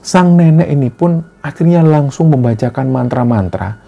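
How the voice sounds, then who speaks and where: A man narrating a horror story in a steady, earnest storytelling manner. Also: medium pitch, moderate pace, vocal fry, lo-fi sound. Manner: steady, earnest retelling with frequent "nah".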